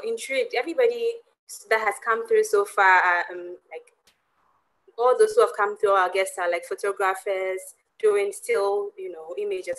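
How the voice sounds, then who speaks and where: A woman's voice: medium pitch, a bit bright, poor audio. A woman hosting a virtual conference, introducing a guest and asking chatty, searching questions over a video call. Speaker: conference host.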